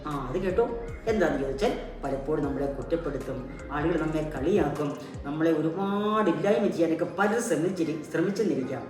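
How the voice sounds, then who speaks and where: A woman hosting a puppet show tells children a story in a teacherly way, asking questions and repeating key words. Her voice is low-pitched and fast. The recording is very echoey with a distant mic and background music.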